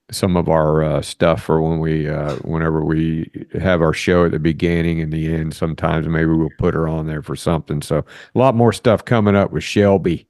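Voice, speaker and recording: A man's voice: rumbling low, a little mellow, dry recording, clean studio sound. A man co-hosting a podcast, chatting casually and rambling with lots of uh and restarts. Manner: rambling, many fillers and restarts. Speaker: podcast co-host.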